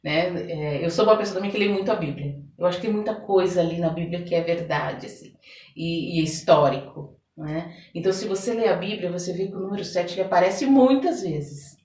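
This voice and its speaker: A Brazilian woman, a therapist and theater director, speaks as an interview guest in a somewhat low, brisk voice. She recounts her experiences with expressive storytelling and keeps adding tags to seek agreement. The room echoes and the microphone sits far away.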